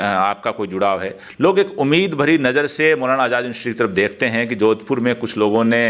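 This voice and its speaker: A man's voice: lowish voice, a bit bright. A man, interviewing for a local news channel and asking pointed, probing questions.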